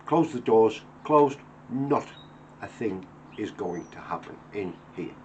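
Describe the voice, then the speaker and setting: A man's voice: on the low side, expressive, slow, lo-fi sound, noisy background. A man in his fifties speaking earnestly to camera from his workshop, plain-spoken and reflective. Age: 50s. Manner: earnest, plain-spoken, acts out everyday dialogue. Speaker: woodworker. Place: home workshop.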